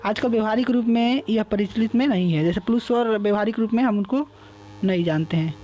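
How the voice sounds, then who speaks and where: A man's voice: high-pitched, a little fast, warm tone, dull audio. A young man teaching a lecture, explaining patiently, repeating terms and drawing out vowel sounds as examples. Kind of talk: classroom lecture.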